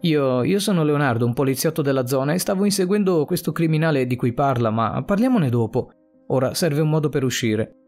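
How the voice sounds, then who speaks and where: A man's voice: on the high side, expressive, a little fast, a little mellow, faint music behind. A man voicing a police officer buried alive, who talks urgently and blames himself. The delivery stays close to a plain reading voice. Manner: urgent, earnest pleading. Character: adult male police officer, desperate and self-blaming.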